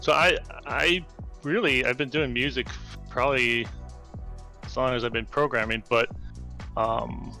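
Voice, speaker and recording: Bright-voiced man in his forties on a video call. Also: medium pitch, fairly even intonation, measured pace, creaky, soft background music. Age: 40s. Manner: rambling, lots of fillers. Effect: heard over a video call. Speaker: game developer guest. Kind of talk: casual interview chat.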